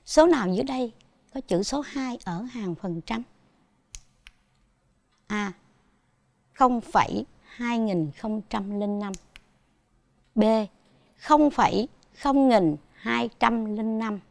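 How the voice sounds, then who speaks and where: Southern vietnamese lady teaching kids math on tv, kinda high voice, dry studio sound, patient. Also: vocal fry, no room sound. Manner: patient, addresses pupils directly with questions. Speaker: primary school teacher. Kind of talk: televised math lesson.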